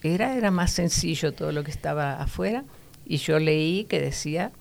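A gravelly, deep-voiced middle-aged woman, talking at a normal speed, gives personal testimony about her childhood as a guest in a casual interview. She brings the story to life by doing the voices of herself as a girl and of her sister.

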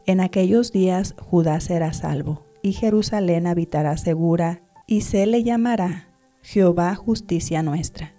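Female scripture reader, low voice, measured delivery. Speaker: Bible reader. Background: soft background music.

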